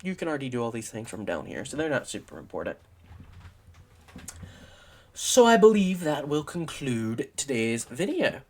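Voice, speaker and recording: A man's voice: mid-range voice, very animated, normal speed, long pauses. A man giving a casual, rambling screen-recorded tutorial, self-deprecating and acting out his own inner questions, his voice tiring toward failing. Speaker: modding tutorial presenter.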